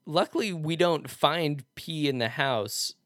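A man's voice: a little high, a little slow, a bit bright, dry recording, studio quality. A man co-hosting a casual chat, telling a story with lots of laughs and fillers.

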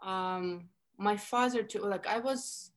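A woman's voice: mid-range voice, slow. Russian-accented woman in her thirties, chatty. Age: 30s. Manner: animated storytelling with many fillers. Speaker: guest. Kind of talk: casual interview chat.

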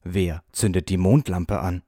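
A man doing a dreamy little mouse poet, soft and unhurried, kinda low voice, dry close sound. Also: steady tone, no room sound. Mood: reciting. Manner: gentle, unhurried, recites like a poem. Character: calm, dreamy male field mouse poet.

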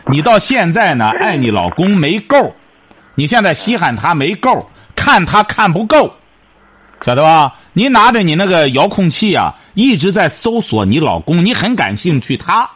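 A man's voice: high-pitched, big pitch swings, moderate pace, a bit bright, husky. A man hosting a radio advice show, lecturing a caller in an emphatic, repetitive way.

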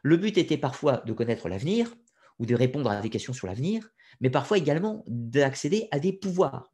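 A man's voice: medium pitch, a little mellow, slightly rough. A man giving an unscripted lecture, explaining step by step, hesitating often with fillers and restarts, and talking straight to his listeners with opinionated asides. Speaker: lecturer on occult history.

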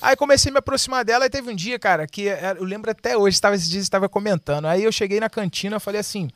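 A Brazilian man with a high, quick voice spins a personal story at a rapid clip. He slips into the people he quotes and keeps the tale moving. The sound is dry and close. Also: no echo. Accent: Brazilian Portuguese. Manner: animated, acts out quoted dialogue. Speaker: guest telling his story. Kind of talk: casual storytelling chat.

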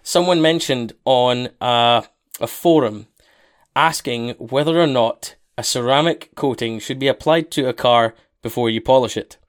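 Mid-pitched man in casual podcast chat. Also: unhurried. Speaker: podcast co-host and car detailer.

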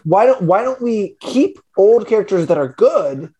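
A man's voice: sits high, very animated, measured pace, warm tone, breathy edge. A man co-hosting a podcast in casual chat, rambling with many fillers and restarts. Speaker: podcast co-host.

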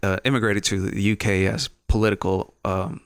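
A man's voice: lowish voice, flat delivery, normal speed, clean tone, no echo. A young man, a guest on a casual podcast, rambling with repeated words and easy laughs.

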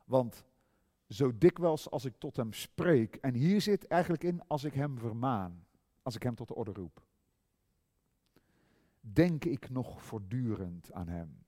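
A man's voice: mid-range voice, dry recording, studio quality. Impassioned Dutch-speaking preacher man. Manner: dynamic, swinging from loud emphasis to hushed tenderness; slow, drawn-out stress on key words. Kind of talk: sermon.

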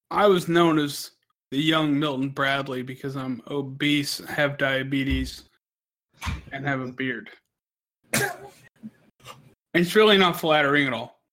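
A man's voice: fairly high pitch, bright, forceful tone. A man hosting a podcast in casual, crude, joking chat with plenty of swearing. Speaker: podcast host.

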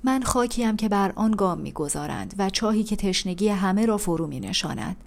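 A woman's voice: mid-range voice, expressive, gravelly. A woman voicing a weak, dying mother. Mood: fading, tender. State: voice growing weak. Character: dying mother trapped under rubble, calm and tender. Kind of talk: audiobook reading.

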